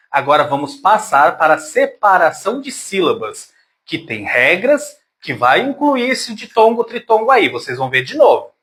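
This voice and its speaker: A man's voice: fairly high pitch, a bit bright. A man teaching a grammar lesson to his pupils, patient and affectionate, sounding words out syllable by syllable.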